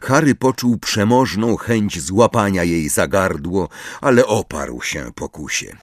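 A man narrating an audiobook with a lowish voice and a very lively, expressive pitch. His reading is measured, and the recording is close and dry with no room sound. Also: dry recording. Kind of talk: scripted narration.

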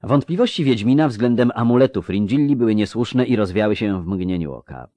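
A man's voice: on the low side, lively intonation, fairly quick, warm tone, dry recording. A man narrating a fantasy audiobook with a tense, suspenseful reading.

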